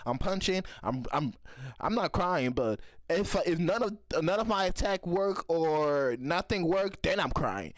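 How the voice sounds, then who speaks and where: A man's voice: a little high, no echo. Rambling, cursing man reacting on camera. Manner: rambling, profane, joking. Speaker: reaction video host. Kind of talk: casual reaction commentary.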